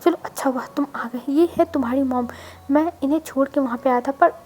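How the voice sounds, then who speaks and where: A woman's voice: high-pitched, fairly quick, a little mellow, lightly acted. A woman voicing a stern middle-aged father who scolds his son. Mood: cheerful.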